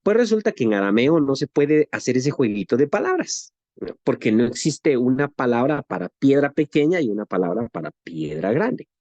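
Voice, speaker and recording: A man's voice: mid-range voice, big pitch swings, normal speed, darkish tone, no room sound, dull audio. A man from Guatemala with a western Guatemalan Spanish accent, teaching a Bible lesson in a conversational way, asking rhetorical questions and often adding "¿no?".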